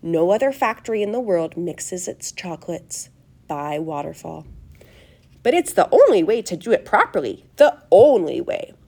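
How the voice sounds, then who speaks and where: A woman's voice: fairly low pitch, sing-song, normal speed, creaky, dark tone, full character voice. Willy Wonka, a woman doing a showy eccentric. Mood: gushing. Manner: gushing, showy, proud. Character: eccentric excitable male chocolate maker.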